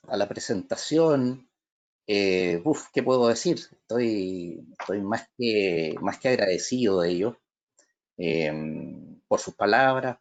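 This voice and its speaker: A book author thanking his university and colleagues in an earnest, halting speech. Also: on the low side, a little mellow, dull audio. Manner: halting, many fillers and restarts, earnest. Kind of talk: spontaneous thank-you speech.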